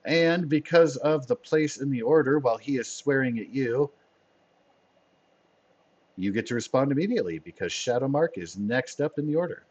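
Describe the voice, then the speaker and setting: A man narrating as game master of a tabletop role-playing game, playful and quick to laugh. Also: mid-range voice, animated, a little mellow, husky. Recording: dull lo-fi sound.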